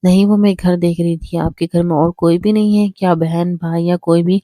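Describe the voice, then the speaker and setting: A woman's voice: on the low side, fairly even intonation, warm tone, no room sound, studio quality, close to an everyday voice. A woman reading the part of a shy, grieving young woman in a storybook novel, speaking hesitantly and politely.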